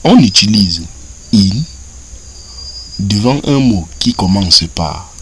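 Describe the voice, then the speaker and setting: A man with a Cameroonian French accent teaching English, repeating each word several times in a slow drilling cadence. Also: lowish voice, animated, a bit bright, a little hiss or hum. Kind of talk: French-language vocabulary and grammar lesson.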